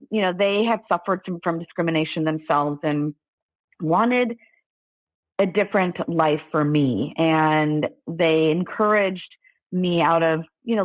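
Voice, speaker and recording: Appearing on a podcast, this middle-aged Los Angeles woman, an author and lawyer with an American accent, shares her own story in a conversational interview. Her voice sits on the lower side, and there is no room sound.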